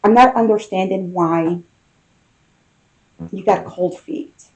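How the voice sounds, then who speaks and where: A woman giving an unscripted, intimate tarot card reading, musing aloud with pauses and repeated phrases. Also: mid-range voice, noisy background.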